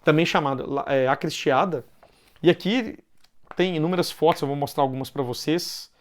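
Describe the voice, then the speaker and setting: A man with a Brazilian Portuguese accent, giving an informal explanatory talk and often ending phrases with a questioning "né". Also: a little high. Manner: loosely paced with pauses and restarts.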